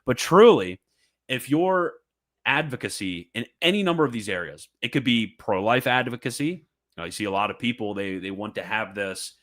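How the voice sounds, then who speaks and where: A man's voice: on the low side, lively intonation, moderate pace, a bit bright. A man giving fervent, emphatic commentary, reading a religious text aloud and reacting with repetition and mocking asides.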